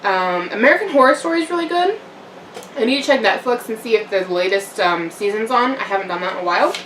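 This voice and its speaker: This young female vlogger talks fast while eating on camera at home, her medium-pitched, slightly bright voice full of lively intonation. She rambles casually with fillers and little laughs. Echo fills the room, the mic is a bit far off, and there's slight background noise.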